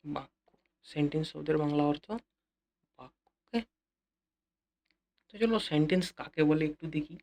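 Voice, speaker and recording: A man teaching an English lesson in a Bengali accent, repeating key phrases slowly and speaking directly to his students. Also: a little high, gravelly, darkish tone. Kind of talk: classroom-style lesson explanation.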